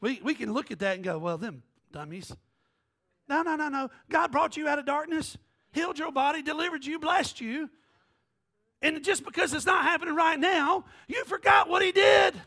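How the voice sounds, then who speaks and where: A man preaching a fiery sermon as pastor in a church, shouting and whooping with the congregation. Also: very high voice, moderate pace, vocal fry. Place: church sanctuary.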